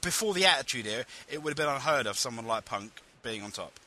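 A man's voice: mid-range voice, animated, quick pace, bright, forceful tone. A man hosting a podcast, chatting eagerly and laughing easily, often stumbling over how his sentences start. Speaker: podcast host. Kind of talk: casual chat.

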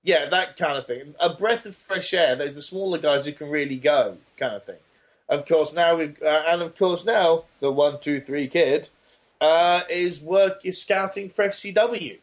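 Joking man, rambling chat. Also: a little high. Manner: rambling, jokey, halting restarts. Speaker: podcast co-host. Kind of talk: casual chat.

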